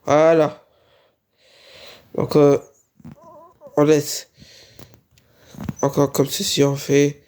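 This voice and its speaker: With a mid-range, monotone voice that draws out words and leaves long pauses, a slightly sick Minecraft building creator hesitantly narrates a relaxed tutorial. The tone is a little mellow and clean, punctuated by sneezes and the repeated phrases "voilà" and "on continue."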